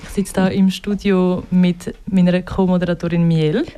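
A chatty Swiss woman hosts a live radio show from a studio. Her voice is mellow and soft-edged, and she laughs easily between filler words. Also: lowish voice, flat delivery, normal speed, clean tone. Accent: Swiss German.

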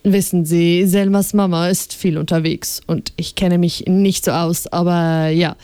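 A woman's voice: lowish voice, level tone, a little slow, dark tone, clean tone, no echo, natural voice. Woman doing a flustered, stammering dad. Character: nervous, rambling middle-aged father.

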